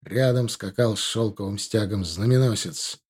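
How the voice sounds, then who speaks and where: Mellow-voiced male audiobook narrator. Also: fairly low pitch, moderate pace, slightly rough. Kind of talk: scripted narration.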